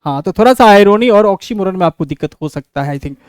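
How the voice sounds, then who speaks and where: A man's voice: sits high, lively intonation, a little mellow, clean tone, no room sound, clean studio sound. A male teacher with a Bihari Hindi accent, giving an exam-prep lecture on literary devices, asking questions and answering them himself. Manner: explains step by step, asks and answers his own questions; reads English examples slowly.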